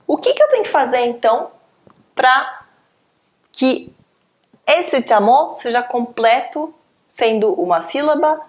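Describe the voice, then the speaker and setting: A woman teaching a beginners' language lesson, explaining step by step and often checking in with her students. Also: medium pitch. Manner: patient, explaining step by step with frequent check-ins. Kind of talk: online lesson.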